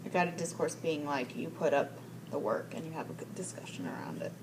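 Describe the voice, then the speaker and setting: A woman with a fairly low voice, coaching a teacher face to face. She is direct and businesslike, breaks a lesson into steps, and affirms often while she guides the talk. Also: lively intonation, brisk, noisy background. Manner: directive, affirming with frequent "mm-hmm" and "like". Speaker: instructional coach. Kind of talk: one-on-one teacher coaching conversation.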